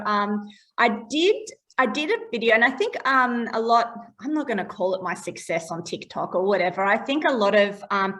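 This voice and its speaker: A woman's voice: mid-range voice, a bit bright, distant mic. A chatty woman in an interview, explaining her property valuer work in plain terms and laughing often. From Australia. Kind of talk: casual interview chat.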